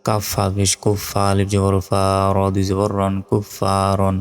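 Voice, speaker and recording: A man with a Bangladeshi accent, teaching Quran reading by spelling out letters and then chanting each verse slowly. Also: low-pitched, monotone, clear, resonant tone, long reverb tail. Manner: slow and deliberate, chanting verses.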